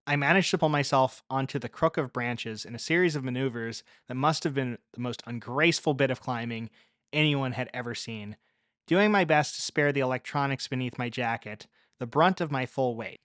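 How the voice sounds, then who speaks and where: A man narrating a story in the first person with a measured, even read. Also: medium pitch, no room sound, clean studio sound.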